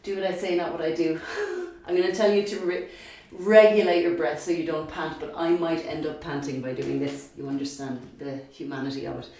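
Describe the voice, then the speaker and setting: A woman yoga teacher talks a class through a workout in a chatty, encouraging way, counting the reps aloud and getting a little out of breath. Her voice sits fairly low and comes from away from the mic, in a strongly echoing studio. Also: steady tone, a little fast, hardly any pauses, warm tone, distant mic. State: out of breath while exercising. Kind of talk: guided yoga class instruction.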